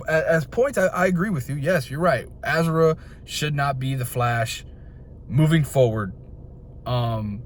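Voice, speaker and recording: Frustrated man ranting, somewhat high voice. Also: slight background noise. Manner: frustrated, animated, jumps between points. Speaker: video host. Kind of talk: ranting opinion video.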